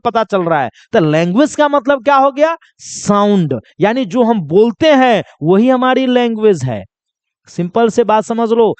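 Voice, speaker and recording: High-voiced man teaching a basic lesson. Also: smooth, no echo. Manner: repeats questions and answers them himself. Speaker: English teacher. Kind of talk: classroom lesson to children.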